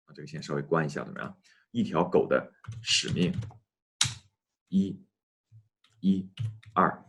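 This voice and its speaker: A man teaching an English lesson, often addressing his students and slowly repeating English phrases for them to copy. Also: extremely low pitch, noisy background.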